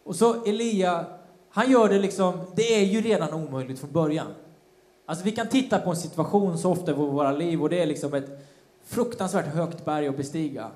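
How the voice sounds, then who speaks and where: Man, pastor, animated sermon, acts out quotes, casual asides, roomy hall. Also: on the high side. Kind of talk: lively sermon retelling a Bible story. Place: church hall. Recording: roomy church hall sound.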